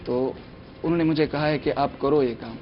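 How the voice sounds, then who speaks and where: A young man appearing as a mimicry artist on a morning show, chatting eagerly and mixing in English words. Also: a little high. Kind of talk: casual TV chat. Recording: dull lo-fi TV studio sound, faint music.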